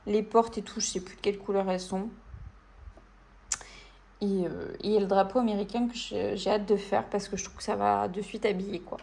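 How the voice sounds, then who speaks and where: A woman from France chatting casually to her viewers as she colors, relaxed and full of little fillers and self-talk. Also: medium pitch, normal speed, creaky. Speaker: coloring channel host. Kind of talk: casual chat while coloring.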